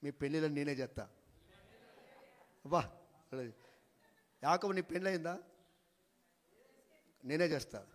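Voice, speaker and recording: A man preaching a church sermon as pastor, in call-and-response style, swinging from quiet talk to shouted peaks. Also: a little high, measured pace, pauses often. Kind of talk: Pentecostal sermon. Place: large church hall. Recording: long church hall reverb.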